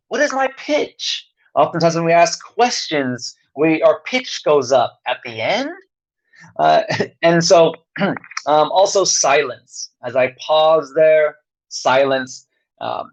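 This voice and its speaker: A man giving a recorded lecture, speaking slowly with long pauses and frequent fillers. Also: medium pitch, dull audio. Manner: slow, pausing delivery with many fillers.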